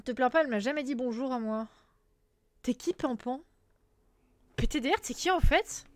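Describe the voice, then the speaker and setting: A woman's voice: high-pitched, normal speed, no room sound. A woman streaming live, chatting casually and playfully with her viewers, teasing and humming between lines. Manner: playful, teasing, chatty, hums and sings syllables. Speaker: Twitch streamer.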